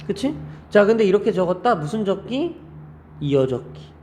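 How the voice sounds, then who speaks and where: A man with a fairly high voice teaches a class on Korean grammar at normal speed, throwing rhetorical questions at his students. His lively, animated, conversational delivery jumps up in pitch often to stress key points, like a classroom lecture, with faint background noise underneath.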